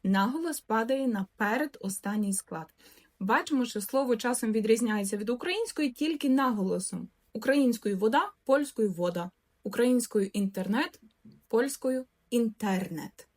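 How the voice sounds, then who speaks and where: Casting: young woman, language teacher, clear and patient, stretches out example words for repetition. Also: a little high, a little mellow. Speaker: Polish teacher. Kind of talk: language lesson.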